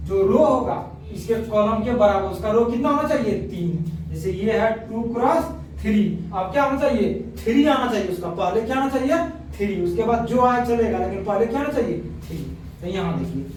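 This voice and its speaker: A man teaching a math lesson at a board. He keeps asking questions, answers them himself and corrects himself often. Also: high voice. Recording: very echoey room, mic far off, faint noise.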